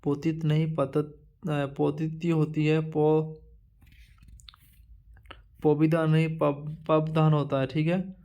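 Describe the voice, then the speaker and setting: Man drilling a word list, flat and higher. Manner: repetitive drilling, halting restarts. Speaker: teacher. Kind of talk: exam-prep lesson reading a word list.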